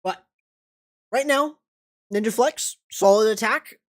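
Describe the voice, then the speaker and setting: Commentating live on a game match, this young streamer and esports caster gets excited fast, breaking into sudden exclamations. His voice is high, strained and starting to turn hoarse.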